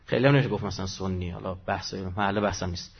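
A male preacher delivering a religious sermon with dramatic storytelling, swinging between hushed and loud, emphatic drawn-out phrases. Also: low voice, fairly even intonation, creaky, breathy edge, dull audio.

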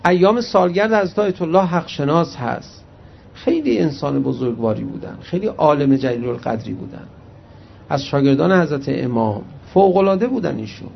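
A man preaching a religious sermon, reciting Arabic hadith slowly and then explaining them conversationally to his audience. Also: on the high side, gravelly, a little hiss or hum. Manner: animated storyteller addressing the audience directly. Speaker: cleric preacher. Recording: muffled lo-fi recording.

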